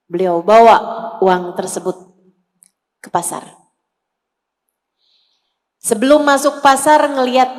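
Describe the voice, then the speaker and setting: A woman in her forties from Indonesia, preaching a sermon as an expressive storyteller who swings between soft and loud. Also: mid-range voice. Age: 40s. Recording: echoing hall reverb.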